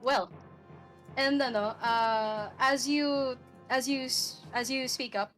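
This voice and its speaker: High-voiced Filipino woman running a game. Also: steady tone, slow, a bit bright, soft background music, poor audio. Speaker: game master. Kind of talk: improvised tabletop game narration.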